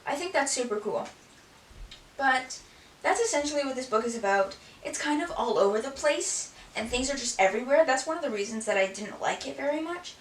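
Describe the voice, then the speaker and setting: A woman talks casually through her recent reads, rambling along with a steady stream of "like." Her voice sits a little high. It reaches the mic from a few steps away in an echoey room, with a faint hiss behind it. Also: a little fast, far from the mic. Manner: rambling, frequent "like" fillers. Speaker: book vlogger. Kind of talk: casual book review chat.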